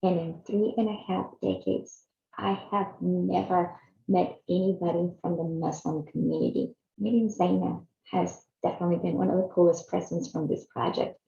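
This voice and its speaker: Hosting her own personal video series, a woman from Chile in her fifties narrates with earnest sincerity. She speaks at a moderate pace in a low, dark voice with vocal fry and a steady tone. Echo fills the slightly dull room.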